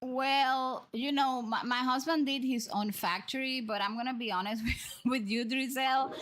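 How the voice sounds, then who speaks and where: At a moderate pace, a woman with a high, steady, slightly bright voice chats through a game livestream. Background music plays as she speaks directly to viewers and regularly tosses in tag questions.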